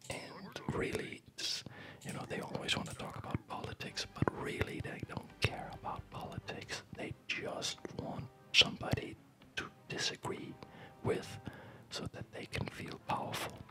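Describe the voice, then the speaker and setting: This is whispered ASMR chat over gameplay: a male host speaks breathily right up against the mic, softly and slowly, letting his talk wander.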